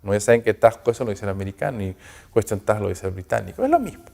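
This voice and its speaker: Warm-voiced male teacher checking in often. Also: lowish voice, big pitch swings, creaky. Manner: checks in constantly with quick "ok?" and "no?"; switches between Spanish and English example sentences. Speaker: English teacher. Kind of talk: recorded class lecture.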